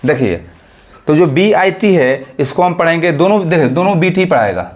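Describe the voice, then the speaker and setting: A man teaching a lesson, asking questions and answering them himself and spelling out letters slowly. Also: on the high side, lively intonation. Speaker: English teacher. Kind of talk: classroom-style lesson explanation.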